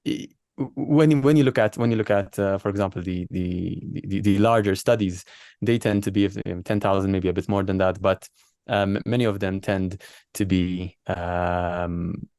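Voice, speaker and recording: A man speaking as an interviewed doctor, explaining in a conversational way with halting, repetitive phrasing. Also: low voice, steady tone, a little mellow, no echo, studio quality. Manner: halting, hesitant phrasing with repeated words. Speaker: doctor and researcher being interviewed.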